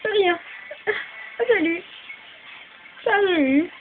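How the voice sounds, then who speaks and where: A woman's voice: very high voice, very slow, phone-quality sound, background noise. A woman voicing all the characters in a homemade fan dub, switching voices and often sounding tearful. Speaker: fan voice actor doing all parts.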